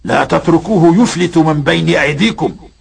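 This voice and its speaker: A stern, imperious governor in an Arabic historical drama. He gives orders quickly in a high, gravelly voice and formal Classical Arabic, over loud music and crowd din. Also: heavily acted. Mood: coolly satisfied.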